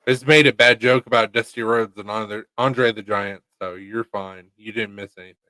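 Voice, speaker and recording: A man's voice: on the low side, steady tone, normal speed, sharp tone, no echo, rough recording. An American man hosting a casual chat show, joking around in a crude, offhand way. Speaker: podcast host.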